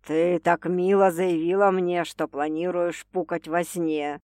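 A woman reading an audiobook, voicing a teasing, domineering young man who speaks slowly and wryly. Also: level tone, a little mellow, no echo, clean studio sound, lightly acted. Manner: slow, low and wry. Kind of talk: audiobook character voice.

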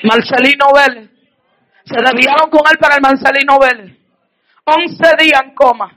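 A woman evangelist with a Dominican accent, preaching a fervent testimony sermon at a church service, often rising to shouts of praise. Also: sits high, normal speed. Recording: live church recording with congregation noise. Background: congregation audible.

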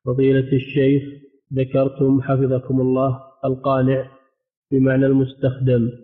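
A man's voice: mid-range voice, moderate pace. A man formally reading texts and putting questions to a teacher, in a deferential way. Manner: flat, formal, deferential address. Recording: tinny phone-like line.

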